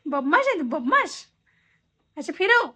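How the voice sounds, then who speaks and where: Very high, bright-voiced mother coaxing a toddler. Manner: coaxing, playful sing-song talk to a toddler. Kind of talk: casual home vlog chat.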